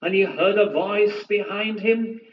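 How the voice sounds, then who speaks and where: A man's voice: sits high, fairly even intonation, a little slow, echoey room. A man preaching a sermon in an earnest, emphatic way, repeating phrases to press his point home. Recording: distant dull recording with faint hiss.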